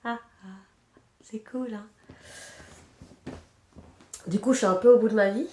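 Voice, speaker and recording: Knitting at home with a cold-blocked nose, a thirties-aged podcast host talks casually and with self-mockery, drifting off mid-thought to count stitches. Her pitch is on the high side with fairly even intonation, and her unhurried delivery is a little mellow in an echoey room.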